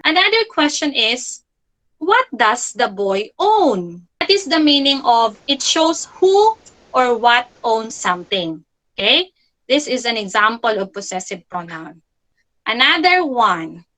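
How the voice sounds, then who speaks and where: High, bright-voiced woman teaching children. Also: very animated, measured pace, poor audio. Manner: repeats key phrases, constantly checks with "okay?". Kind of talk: online grammar lesson for children.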